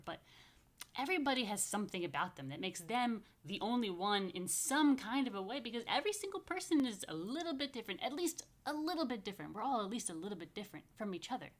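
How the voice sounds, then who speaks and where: Reading stories and offering blessings, a rabbi talks with young families in a casual, playful way, keeping her language simple and chatty for the children. She has a mid-range voice with a slightly bright tone.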